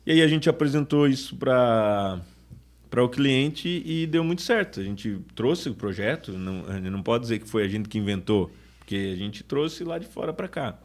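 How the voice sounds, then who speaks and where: A man's voice: medium pitch, animated, moderate pace. A man, a sales manager talking casually in a podcast interview, often restarting his sentences. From Brazil. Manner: chatty, restarts sentences often, acts out customer quotes.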